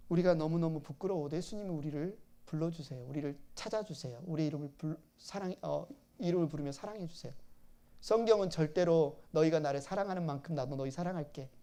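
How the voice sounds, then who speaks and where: A male pastor preaching a sermon. He repeats phrases, asks the congregation questions and acts out quoted lines with sudden bursts of loudness. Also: a little high.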